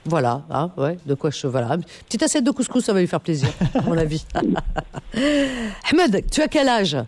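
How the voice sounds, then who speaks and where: A woman's voice: fairly low pitch, sing-song, normal speed, darkish tone. A woman hosting a call-in radio show, chatting casually and teasing her caller with lots of fillers. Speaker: radio host.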